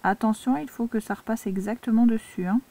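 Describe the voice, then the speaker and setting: Une institutrice française qui explique l'écriture cursive à de jeunes élèves, pas à pas et avec patience. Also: female voice, a little high, warm tone. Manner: slow, patient step-by-step instruction. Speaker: primary school teacher. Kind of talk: handwriting lesson for young children.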